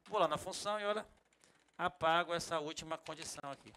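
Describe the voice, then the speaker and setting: A man with a Bahian Brazilian accent teaching a computer class in a classroom, lively and jokey, talking straight to his students. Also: a little high, fast talker, noisy background. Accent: Bahian Brazilian Portuguese. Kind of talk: classroom lecture.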